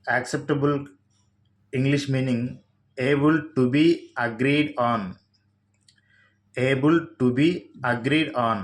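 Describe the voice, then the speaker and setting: Reading out English words one at a time, a Telugu-accented teacher slowly spells each letter by letter and then gives the meanings. His voice is mid-range and steady.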